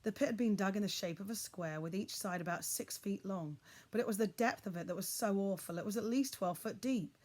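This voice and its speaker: Female storybook reader, expressive and suspenseful. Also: mid-range voice, brisk. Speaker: audiobook reader. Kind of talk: reading a children's novel aloud.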